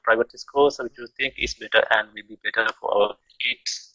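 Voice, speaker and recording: A man's voice: medium pitch, steady tone, normal speed, bright, forceful tone, no room sound, rough recording. A man hosting a podcast and chairing a student debate, speaking hesitantly with many fillers and restarts.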